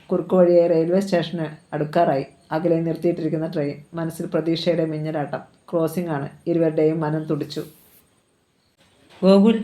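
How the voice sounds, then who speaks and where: Novel reader, steady narrating delivery, warm dark tone. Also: medium pitch. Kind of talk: reading a novel aloud.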